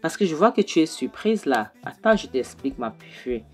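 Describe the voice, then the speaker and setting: A woman's voice: low-pitched, very animated, normal speed, slightly rough, soft background music, heavily acted. A woman voicing a harsh middle-aged father who scorns his wife and threatens his daughter. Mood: scornful.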